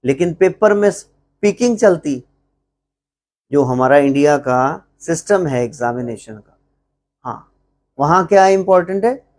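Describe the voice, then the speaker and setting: A man with a Punjabi accent leads an informal English lesson at a live gathering. He speaks slowly in a fairly high voice, keeps asking the audience questions and then answers them himself. He stretches out English phrases word by word so the class can follow. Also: lively intonation, darkish tone. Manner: slows to spell out English phrases. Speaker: teacher at a spiritual gathering.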